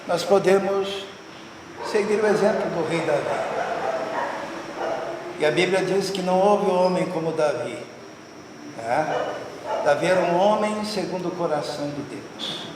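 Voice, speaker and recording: A pastor with a high voice preaches a sermon, using fervent, emphatic repetition and leading an altar call. He speaks unhurriedly with frequent pauses. The recording is noisy and echoey, made in a hall far from the mic.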